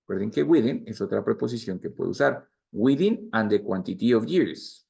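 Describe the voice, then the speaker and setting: A man's voice: lowish voice, animated, a little fast, creaky, a little mellow, dull audio. A man in his forties with a Spanish accent, teaching an English grammar lesson and explaining each structure patiently, step by step, with repeated examples. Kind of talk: bilingual grammar lecture.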